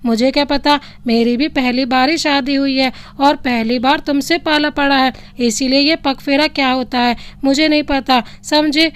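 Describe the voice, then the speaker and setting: A woman's voice: sits high, steady tone, moderate pace, few pauses, lightly acted. A woman voicing a feisty young bride who snaps and scolds her new husband. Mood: taunting. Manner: snappy scolding.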